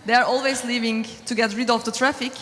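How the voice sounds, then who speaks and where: Bright, high-voiced woman announcing in a hall. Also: little pitch movement, fast talker. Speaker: event presenter. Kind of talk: stage announcements. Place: large conference hall with crowd. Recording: reverberant noisy hall with crowd.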